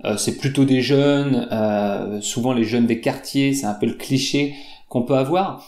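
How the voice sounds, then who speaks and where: Male language teacher, patient and repetitive explainer, mid pitch, roomy echo. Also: darkish tone. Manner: slow, patient, repeats examples, many "euh" fillers. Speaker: French teacher. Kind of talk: explaining vocabulary to learners.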